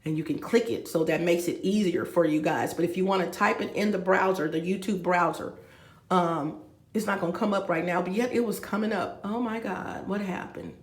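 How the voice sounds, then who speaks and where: A woman in her 50s records a rambling, confessional vlog indoors in a room with a bed, speaking directly to viewers and wandering into many asides. Her voice is on the low side at a normal speed, and the room sounds reverberant.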